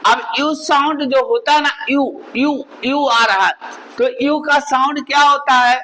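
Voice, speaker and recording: A man's voice: very high voice, measured pace, bright, forceful tone, rough recording. A male teacher, giving a spelling lesson and drilling the class with repeated questions and answers.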